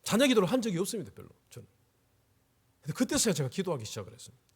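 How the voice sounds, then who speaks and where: Emotional pastor with a husky voice. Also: male voice, sits high, huge pitch swings, very fast. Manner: emotional storytelling, rising to pleading cries. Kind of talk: revival sermon. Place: church sanctuary. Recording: echoey church hall.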